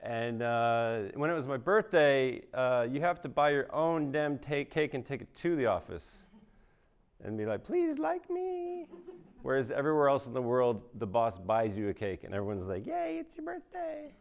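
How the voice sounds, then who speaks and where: A middle-aged man from Canada doing live stand-up before an audience, dry and self-mocking, jumping into high squeaky voices for his impressions. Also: normal speed, clean tone. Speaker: stand-up comedian.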